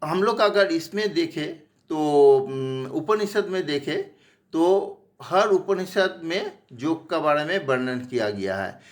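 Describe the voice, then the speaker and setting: A man teaching about yoga in an unscripted spoken lecture, halting often with fillers and restarts as he lists terms one by one. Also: fairly high pitch, expressive.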